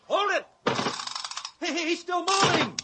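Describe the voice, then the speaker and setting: An actor playing an excitable, grumbling spaceship crewman in an old radio drama. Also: very high-pitched, a little slow, heavy background noise. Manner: excitable and complaining. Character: jumpy, grumbling spaceman crew member. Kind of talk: 1950s radio drama acting.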